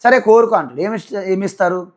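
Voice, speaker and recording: High-voiced swami giving a discourse. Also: male voice. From South India. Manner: storytelling with homely examples and rhetorical questions; slow drawn-out chanting of verses. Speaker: swami teaching Vedanta. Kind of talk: spiritual discourse with chanted Sanskrit verses.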